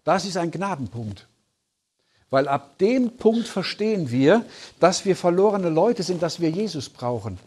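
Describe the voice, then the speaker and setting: A man with a somewhat raised, husky voice teaches scripture in a sermon. He speaks earnestly and explains step by step, pausing to check in with his listeners. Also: high voice, sing-song, darkish tone. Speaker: Bible teacher. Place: conference hall.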